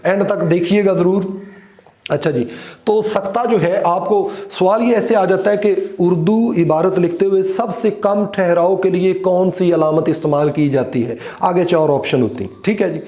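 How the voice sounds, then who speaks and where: A man teaching an online lecture, explaining slowly with many fillers and repeated examples. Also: high voice, dark tone, reverberant.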